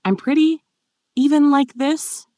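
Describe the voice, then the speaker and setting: A woman reading the part of a flustered, playful young noblewoman in a bright, raised voice. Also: high voice, a little slow, no room sound, studio quality, voice pushed up.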